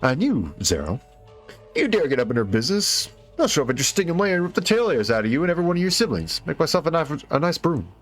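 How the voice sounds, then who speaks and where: A cocky penguin mob boss, put on by a man, leaps high and wide with every boast, snapping out slangy threats. Faint music plays underneath the game reading. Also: sing-song, quick pace. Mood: bossy. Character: brash swaggering male penguin mob boss.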